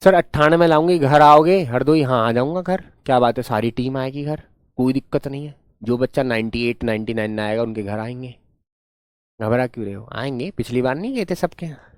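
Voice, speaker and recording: A man's voice: medium pitch, brisk, darkish tone, dry recording. Male grammar teacher, patient and repetitive, dry close sound. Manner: patient, repetitive, calls students "son". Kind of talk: online class lecture.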